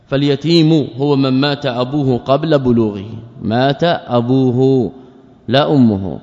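A man's voice: medium pitch, darkish tone. Methodical male scholar in a reverberant hall. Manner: methodical, drills word forms and asks himself questions. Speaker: Islamic scholar teaching a creed text. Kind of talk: explanatory religious lesson. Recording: dull lo-fi audio with long reverb.

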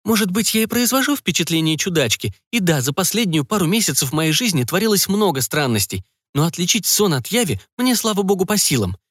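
A male narrator voicing a quick-tongued, teasing young woman in an audiobook, high and insistent. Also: very animated, slightly rough, no echo, clean studio sound. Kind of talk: audiobook reading.

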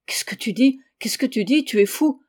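A proud, anxious aging factory owner, voiced by a woman reading aloud. The voice is soft and lowered, with a mellow, dark tone, and the scene reads like a storybook. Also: expressive, moderate pace, husky. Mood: troubled.

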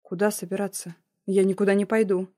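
A woman's voice: medium pitch, little pitch movement, a little fast, dry recording, studio quality, lightly acted. Woman reading as a cornered young heroine. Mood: tense. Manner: strained, quiet.

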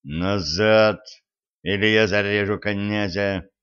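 A man doing a gruff, barking warrior. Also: on the low side, steady tone, slow pace, fairly bright tone, muffled recording. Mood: commanding. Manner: barking orders. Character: gruff young warrior-sorcerer, commanding.

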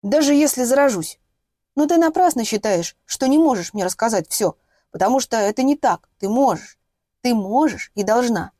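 A woman's voice: fairly high pitch, expressive, normal speed, mellow, dry recording, studio quality. Woman reading as an earnest teenage boy. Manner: insistent, pleading.

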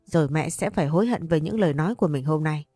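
A woman plays a defiant young daughter from a storybook, whining and sulky. Her voice sits a bit low and sounds close and dry, with faint music underneath. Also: quick pace, mellow, slightly rough, dry recording.

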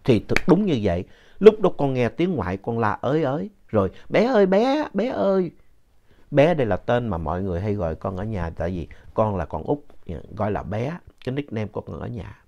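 A man narrating a ghost story in a conversational, lively way with asides to the listener. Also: lowish voice, fairly quick, vocal fry. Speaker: story reader. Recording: dull lo-fi sound.

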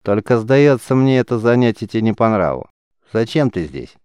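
A man's voice: fairly low pitch, big pitch swings, moderate pace, darkish tone, clean tone, dry recording, studio quality. Man playing a stern teenage gang leader. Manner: curt, commanding, questioning. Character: older boy, calm stern gang leader.

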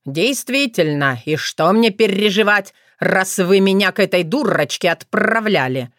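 Woman doing a grumpy young crow guy, low and slow, dry. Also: lively intonation, a bit bright, no echo. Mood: sullen. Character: sulky young male crow, dry and wry.

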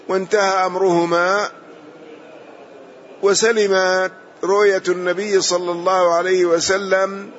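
Male sheikh, patient explainer of texts, somewhat high voice, dull recording. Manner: explains patiently, adds short glosses and affirmations. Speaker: sheikh explaining a hadith commentary. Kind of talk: classical Islamic lesson, explaining a read text. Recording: dull lo-fi audio.

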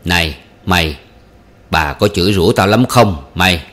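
A sheepish young husband with a gambling habit in a read-aloud story, as a male narrator plays him. He asks questions warily, in a fairly low voice. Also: animated, normal speed, a bit bright.

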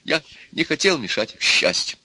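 A man's voice: a little high, very animated, normal speed, sharp tone, dry recording, voice pushed up, exaggerated voice. A man voicing a nervous, eager young student suitor who makes speeches. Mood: earnest.

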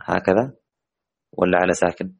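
This tajweed teacher has a very deep, low voice that is husky with vocal fry, captured in lo-fi sound. Teaching an online Quran recitation lesson to women, he poses questions, commends their replies, and slows down to stretch out the words of his examples.

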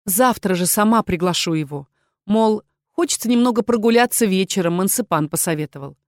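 A woman's voice: medium pitch, animated, fairly quick, no room sound, clean studio sound, natural voice. A woman reading an audiobook, voicing a nervous, prim young woman student who fires off anxious questions. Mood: resolute. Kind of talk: audiobook character voice.

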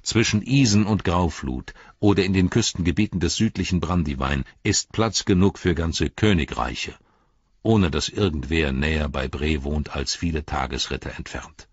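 A man voicing a calm, assured old male wizard in a storybook reading, speaking in a measured way. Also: very deep voice, breathy edge, no echo, exaggerated voice. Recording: dull lo-fi recording.

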